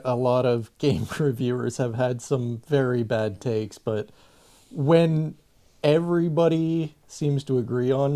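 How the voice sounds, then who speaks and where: A man co-hosting a podcast, chatting casually in a hesitant, halting way and often repeating words. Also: medium pitch, mellow. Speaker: podcast co-host. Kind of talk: casual chat.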